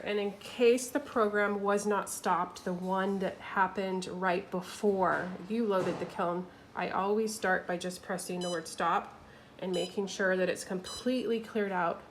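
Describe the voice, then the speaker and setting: Woman, plain instructional delivery, phone-recorded with steady background noise. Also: medium pitch, unhurried, low-quality recording. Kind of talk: step-by-step demonstration. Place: kiln room. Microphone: phone held while filming.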